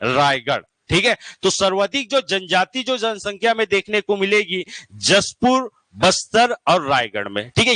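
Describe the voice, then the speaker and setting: A man's voice: high voice, sharp tone, dry recording. A man teaching an exam-prep lecture, drilling points by asking questions and answering them himself, often checking if the class follows. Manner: repetitive call-and-response drilling, asks and answers himself.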